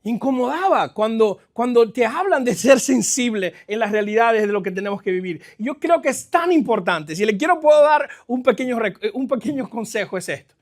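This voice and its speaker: High-voiced man preaching a lively sermon. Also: moderate pace. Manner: lively preaching, swings between loud exclamations and quiet stretches; mixes English phrases into his speech. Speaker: pastor. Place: church.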